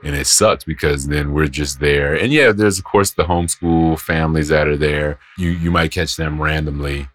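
A man in his thirties with an extremely deep voice talks in a casual podcast chat. He sounds laid-back yet candid, and he leans in hard on his points. The sound is close and dry. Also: fairly even intonation, normal speed, few pauses, no echo, faint music behind. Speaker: podcast co-host, homeschooling parent.

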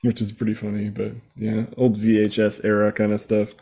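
Mellow, low-voiced man recapping casually. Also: completely flat delivery, brisk, slightly rough. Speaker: podcast co-host. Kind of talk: casual comic book recap.

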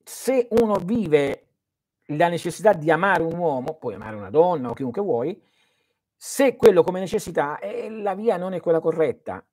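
A man's voice: fairly high pitch, animated, moderate pace, darkish tone, no room sound. A man hosting a live stream as a spiritual teacher, answering viewers' questions in an earnest, didactic way and speaking straight to his listeners.

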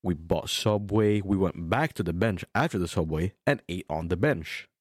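A man's voice: deep voice, normal speed, dry recording, clean studio sound. A young man chatting casually as a podcast co-host, telling stories in bro-ish frat-boy slang with plenty of swearing. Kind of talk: casual chat, storytelling.

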